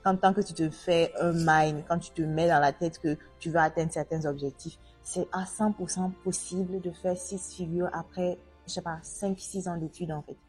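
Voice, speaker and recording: A woman's voice: fairly low pitch, fairly even intonation, normal speed, hardly any pauses, a little mellow, husky, soft background music. A woman from Africa hosting a casual interview, chatty and asking long, rambling questions. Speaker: host.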